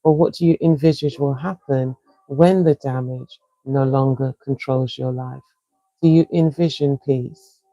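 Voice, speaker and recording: A woman with a South London accent, a wellness coach leading a live-streamed guided breathing session in a slow, soothing, encouraging way. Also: rumbling low, fairly even intonation, mellow, no echo, muffled recording. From England.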